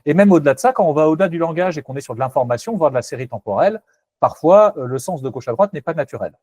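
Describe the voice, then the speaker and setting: A man's voice: on the high side, lively intonation, very fast, a little mellow, dry recording. A man presenting a technical webinar, hesitant and self-correcting, candid and skeptical in tone.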